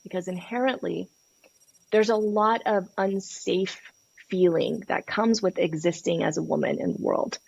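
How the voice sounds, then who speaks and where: Candid woman coach, lowish voice. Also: measured pace, vocal fry, a little mellow, husky, lo-fi sound. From Peru. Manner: candid, passionate, frank with swearing. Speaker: guest, sex and relationship coach. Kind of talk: podcast interview.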